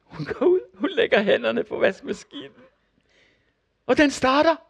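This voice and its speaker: A man's voice: very high voice, creaky, breathy edge. An older man preaching, telling testimony stories and acting out the people in them. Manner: animated storyteller acting out the people in his stories. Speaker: preacher and former missionary. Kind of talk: sermon testimony.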